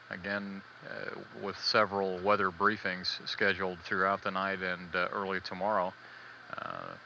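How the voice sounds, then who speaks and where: A mission control announcer gives live spaceflight status commentary in a measured, hesitant, matter-of-fact way. His deep voice has a sharp tone, heard on old band-limited broadcast audio with the highs cut off and slight background noise.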